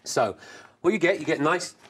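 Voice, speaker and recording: A man's voice: a little high, lively intonation, a little fast, a bit bright, a little hiss or hum. A middle-aged man demonstrating a product on a TV shopping set, talking in a chatty way full of fillers and restarts.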